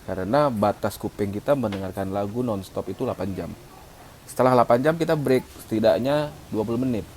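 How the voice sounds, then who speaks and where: A man's voice: on the low side, a little fast, a little mellow, a little hiss or hum. A man co-hosting a casual chat, explaining at length about mixing music and imitating sounds as he goes. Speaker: co-host, music mixing engineer.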